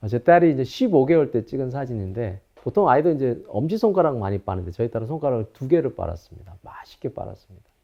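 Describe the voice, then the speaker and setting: Speaking fast, a psychology professor in his fifties delivers a recorded lecture, his pitch swinging widely and expressively. He tells stories and acts out anecdotes as he goes, over slightly dull, lo-fi audio.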